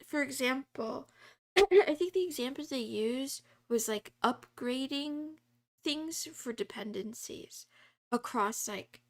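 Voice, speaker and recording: Talking to viewers while she codes live, a woman rambles casually with plenty of fillers and laughs often, her voice on the high side.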